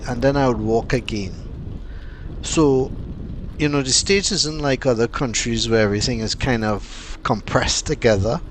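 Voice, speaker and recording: A man from Trinidad, giving casual, unhurried vlog commentary with plenty of fillers and pauses. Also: medium pitch, slight background noise. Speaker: cycling vlogger.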